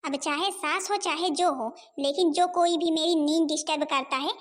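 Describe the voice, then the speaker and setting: A woman's voice: high-pitched, fairly even intonation, natural voice. A woman voicing a spoiled, lazy, hot-tempered young wife in a homemade cartoon. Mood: irritated. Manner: defiant, quick to anger.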